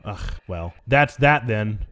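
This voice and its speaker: A man's voice: on the low side, lively intonation, takes it slowly, a bit bright. A man hosting a let's play, chatting upbeat to viewers while playing, with a slight lisp from a sore tongue. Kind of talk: casual gameplay commentary.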